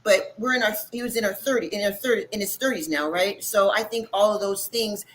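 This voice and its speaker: A woman's voice: medium pitch, fairly quick, fairly bright tone, slight background noise, low-quality recording. A woman giving conversational fight analysis as a panelist, informal and often checking in with the listener. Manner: informal, checks in with "right" and "you know". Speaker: former boxer, panelist.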